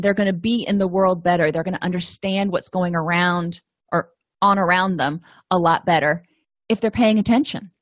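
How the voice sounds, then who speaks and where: A woman's voice: mid-range voice, no echo, studio quality. A middle-aged woman from Florida giving a casual course lecture, chatty and self-deprecating with frequent asides. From Florida, USA. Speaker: counseling course instructor. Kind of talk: informal lecture.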